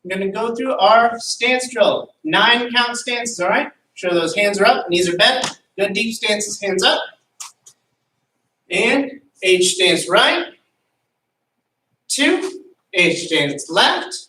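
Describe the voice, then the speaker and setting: Aerobics-instructor type, bright forceful counts and clipped commands, off-mic in a roomy space. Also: medium pitch, expressive, slow. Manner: clipped commands and loud rhythmic counts to a group. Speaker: exercise instructor leading drills. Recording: echoey room, distant microphone.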